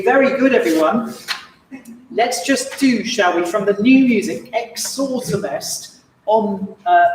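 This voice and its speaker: A male choir conductor with a light, high voice gives rehearsal instructions, picked up by a distant room microphone in a large, echoey hall. He is brisk, wry and encouraging, singing phrases to demonstrate. There's a faint hiss or hum.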